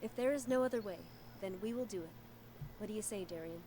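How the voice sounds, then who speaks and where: An actress playing a polite, earnest adventuring companion in a video game, speaking in a measured, formal way. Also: female voice, medium pitch, warm tone, a little hiss or hum, natural voice. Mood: polite, resigned. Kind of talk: game voice acting.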